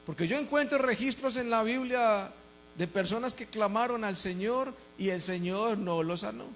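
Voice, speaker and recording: Male pastor, Colombian Spanish accent, very high voice, preaching, faint hum behind. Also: moderate pace. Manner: swings from quiet confiding to shouted emphasis. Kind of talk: sermon.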